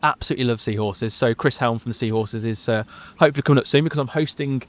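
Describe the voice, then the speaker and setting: A man's voice: mid-range voice, fast talker. A man hosting a casual interview, chatty and enthusiastic. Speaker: host.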